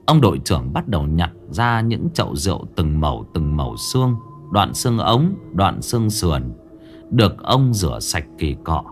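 Brief: male ghost story narrator, low voice, very animated delivery, faint music behind. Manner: dramatic, vividly expressive storytelling.

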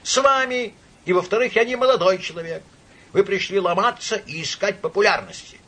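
A man's voice: high-pitched, a little fast, voice pushed up. A man doing a roaring drunk young writer. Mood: furious. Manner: shouting, accusing. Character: furious drunk young male newspaper writer.

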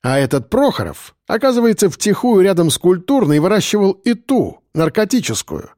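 A man reading an audiobook, voicing a tired, weary middle-aged police lieutenant colonel who speaks in an even, measured way. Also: high-pitched, no room sound, clean studio sound, voice pushed up.

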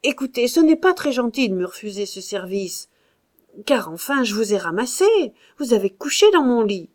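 A woman reading an audiobook, voicing a hot-tempered, impatient young male painter with loud, exasperated outbursts. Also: on the high side, unhurried, natural voice. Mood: pleading. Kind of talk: audiobook character voice.

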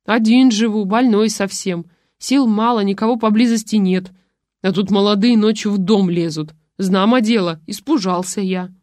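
A woman's voice: medium pitch, steady tone, normal speed, a little mellow, dry recording, studio quality, natural voice. A woman reading aloud and voicing a grumpy, sly old man who answers in curt, folksy grumbles. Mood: grumbling.

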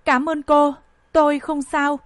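A woman's voice: sits high, little pitch movement, unhurried, no room sound. A woman reading an audiobook voices a scheming woman who pleads in a self-pitying, tearful way. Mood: pleading.

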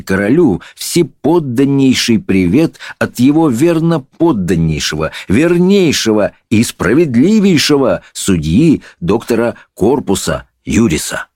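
A man voicing a blustering, pompous judge who roars and drags out his insults in a high, strained voice. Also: dry recording, studio quality. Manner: roaring, bullying, drawn-out shouts.

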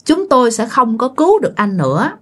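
A woman doing a firm, calm male doctor. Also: a little high, brisk. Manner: instructive, firm. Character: calm male doctor giving stern orders.

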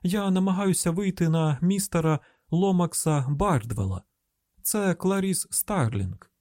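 A man's voice: animated, measured pace, a little mellow, no room sound, studio quality. A man doing a polite young woman on the phone. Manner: raised pitch, sweet deferential phone voice. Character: young woman FBI trainee, polite, quick-witted.

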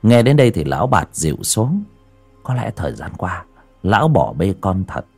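A man narrating a horror audio story in a slow, suspenseful storytelling manner. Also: sits low, big pitch swings, darkish tone, breathy edge, soft background music.

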